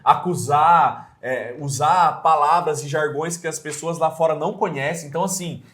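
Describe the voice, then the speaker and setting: A man with a Brazilian Portuguese accent, mentoring on evangelism in a casual, earnest chat, often pausing with hesitation fillers. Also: fairly high pitch, fairly bright tone.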